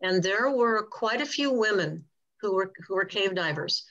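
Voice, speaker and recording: An older woman scientist answering questions in a relaxed, rambling way over a video call. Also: mid-range voice, normal speed, muffled recording. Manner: chatty, rambling, self-correcting. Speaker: guest speaker, cave diving scientist.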